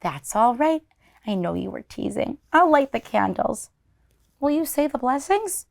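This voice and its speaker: A woman's voice: fairly high pitch, sing-song, measured pace, vocal fry, voice pushed up, full character voice. A woman voicing a kindly, chatty elderly grandmother in a children's storybook, fussing and exclaiming as she hosts. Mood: pleased, gentle.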